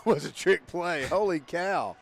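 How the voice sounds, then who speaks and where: A man doing color commentary on a high school football game, chatty and quick to laugh. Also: vocal fry, a little hiss or hum. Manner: chatty, laughs often, exclaims.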